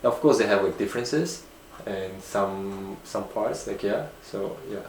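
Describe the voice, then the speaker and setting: A man's voice: lowish voice, unhurried, vocal fry, a little hiss or hum. A young man from Uzbekistan answering interview questions hesitantly, with many fillers and restarts. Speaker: guest. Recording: echoey room.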